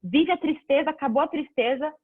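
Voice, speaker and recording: Her voice sits high and she talks a little fast as she runs a relaxed online lesson on a tinny connection. She chats with viewers, takes their questions, and uses vivid examples, all in dry, phone-quality sound.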